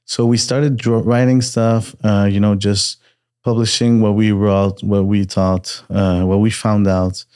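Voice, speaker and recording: A low-voiced man from Peru, raised in Montreal, talks through his background as a guest in a car. His telling is steady but full of small hesitations and restarts. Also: a little slow. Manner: steady storytelling with frequent hesitations. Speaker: podcast guest, entrepreneur. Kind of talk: casual chat.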